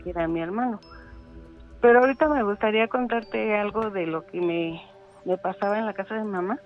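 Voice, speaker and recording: Casting: middle-aged woman caller, halting and full of fillers, tinny phone line, faint music behind. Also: medium pitch. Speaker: caller telling a ghost story. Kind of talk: casual phone storytelling.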